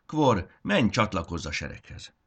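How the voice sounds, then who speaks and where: A man's voice: rumbling low, lively intonation, slightly rough, heavily acted. A man voicing a loyal male lizard-bird in a storybook reading, speaking in a commanding yet humble tone.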